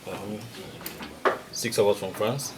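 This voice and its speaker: A lower-voiced man heads a delegation and introduces each of its members in turn. He pauses often, filling the gaps with ums and uhs. A loud steady hiss runs under his voice. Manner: hesitant, with frequent ums and uhs. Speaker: delegation head. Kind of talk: formal self-introduction.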